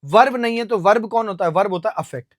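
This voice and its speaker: A young Indian man with a high voice explains confusable words. He asks his own questions, answers them at once, and spells words out slowly letter by letter. The sound is dry and close. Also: no room sound. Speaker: English teacher. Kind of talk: classroom vocabulary lesson.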